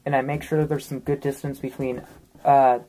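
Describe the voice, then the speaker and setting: A woman's voice: very deep voice, flat delivery, moderate pace, dark tone, rough recording. A woman playing in a tabletop game, talking hesitantly with many ums and restarts. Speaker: player. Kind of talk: casual tabletop play.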